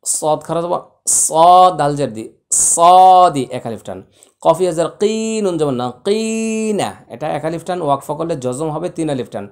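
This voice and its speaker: A man teaching Quran recitation, spelling out letters slowly and chanting verses with long drawn-out vowels. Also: fairly high pitch, expressive, darkish tone. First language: Bengali.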